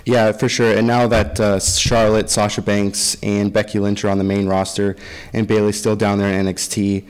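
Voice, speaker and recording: A man's voice: lowish voice, level tone, normal speed, smooth. A man co-hosting a podcast, casually recapping and discussing wrestling in an echoey room. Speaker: podcast co-host.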